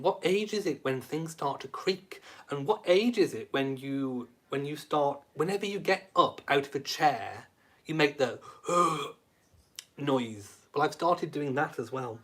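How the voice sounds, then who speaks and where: The man hosting this live stream chat is in his late 30s, with a fairly high, somewhat bright voice. He goes through viewer comments with cheeky, camp humour at his own expense, laughing frequently.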